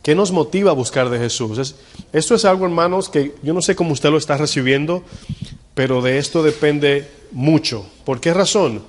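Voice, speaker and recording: A man with a somewhat high voice preaches a sermon in a church hall and keeps asking his listeners questions. His words ring out with a long reverb trailing behind them. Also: normal speed. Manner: preaching with rhetorical questions to the congregation. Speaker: pastor.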